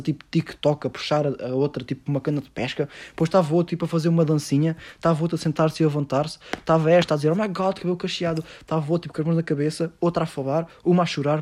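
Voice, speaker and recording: A man with a European Portuguese accent rants through a solo podcast episode, sarcastic and full of swearing. His voice sits fairly high for a man, and he rattles off his words at a quick clip. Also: darkish tone. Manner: sarcastic, profane ranting. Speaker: podcast host.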